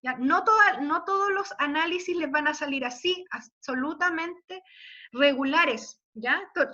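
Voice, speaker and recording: Slow, bright-voiced woman teaching online. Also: sits high. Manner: slow, patient explaining with frequent check-ins. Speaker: literature teacher. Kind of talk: online class lecture. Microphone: computer mic on video call. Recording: muffled video-call audio.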